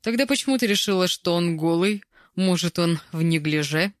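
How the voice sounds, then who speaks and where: A woman's voice: on the low side, moderate pace, no room sound, studio quality, close to an everyday voice. A woman voicing a brash, teasing bulky woman. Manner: bold, teasing, loud.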